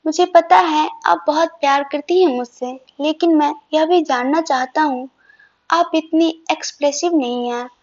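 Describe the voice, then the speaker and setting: A woman's voice: sits high, normal speed. A woman voicing a loving, teasing young husband who speaks tenderly and coaxingly, in a dull lo-fi recording.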